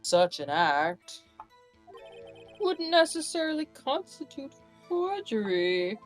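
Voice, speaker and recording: A woman's voice: high-pitched, big pitch swings, takes it slowly, faint music behind, voice pushed up, exaggerated voice. A woman voicing a smug, jovial middle-aged male police chief in a fan game playthrough, drawing out her lines in a teasing way.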